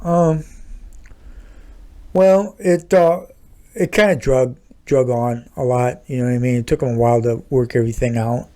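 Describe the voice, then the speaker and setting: An older man co-hosting a casual movie-review chat, halting and full of fillers and restarts. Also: mellow. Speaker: podcast co-host. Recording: older lower-quality podcast audio.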